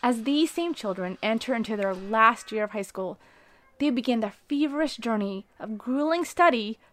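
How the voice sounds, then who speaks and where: A woman's voice: a little high, expressive, moderate pace. Earnest woman reading a devotional. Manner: earnest, rising to emphatic preaching on key phrases.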